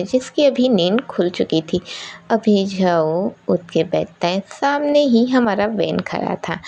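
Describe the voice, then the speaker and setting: A woman narrating a fan-made story in a steady, explanatory way. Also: lowish voice, vocal fry. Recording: dull lo-fi recording.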